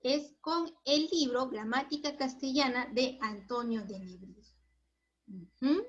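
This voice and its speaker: A chatty woman teacher with a high voice explains her lesson, asking questions and answering them herself. The recording sounds dull and lo-fi. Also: a little slow. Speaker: school teacher.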